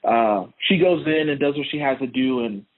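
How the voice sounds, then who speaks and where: A man from Honduras, appearing as a podcast guest, tells his story in a casual interview chat and laughs often. His voice is mid-range, his pace moderate, and the line sounds tinny, like a phone.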